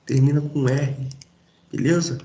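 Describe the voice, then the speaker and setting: A man's voice: fairly high pitch, fairly even intonation, measured pace, mellow, roomy sound, highs cut off. A man teaching a Portuguese grammar lesson in a casual, informal way, checking in with his students often. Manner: informal, addresses students directly with frequent checks.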